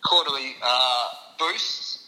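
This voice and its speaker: Man, Australian accent, very bright and cutting tone, mid pitch, casual interview answers, informal, understated. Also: slow, a little hiss or hum, poor audio. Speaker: racehorse strapper, interview guest.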